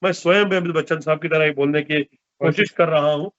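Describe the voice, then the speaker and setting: High-voiced male news interviewer. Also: fairly even intonation, fairly bright tone, no echo, dull audio. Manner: formal questioning, halting fillers. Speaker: interviewer, news channel reporter.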